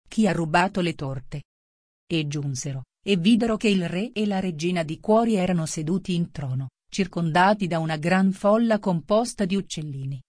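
A woman narrating a children's classic as an audiobook, reading in a measured, even way. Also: lowish voice, dry recording, studio quality. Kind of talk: scripted storybook narration.

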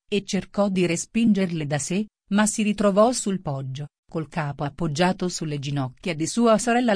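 A woman narrates a classic storybook in a measured, even way. Her voice sits on the low side, recorded close and dry. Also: no room sound. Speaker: audiobook narrator.

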